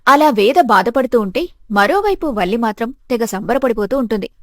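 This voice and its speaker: Brief: woman storyteller, steady scripted narration, higher voice, dry. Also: a little fast, no room sound.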